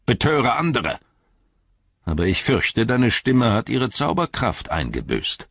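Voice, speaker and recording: A man's voice: medium pitch, huge pitch swings, measured pace, fairly bright tone, slightly rough, no room sound, dull audio, voice pushed up, full character voice. A man voicing a proud aging king who speaks sternly and accusingly. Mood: defiant.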